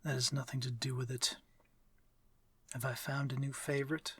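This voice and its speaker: A man voices a courteous, protective, and commanding vampire lord in an intimate ASMR audio drama, speaking softly in measured, formal phrases that often slip into whispers. His medium-pitched, slightly rough voice is flat in delivery and free of echo, with a stern, possessive mood.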